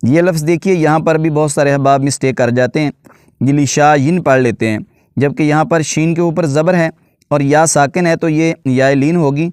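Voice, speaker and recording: A man's voice: a little high, darkish tone, smooth, no room sound, clean studio sound. A man teaching Quran reading, patiently spelling words out letter by letter and adding a polite "ji" to his phrases. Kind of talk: tajweed lesson.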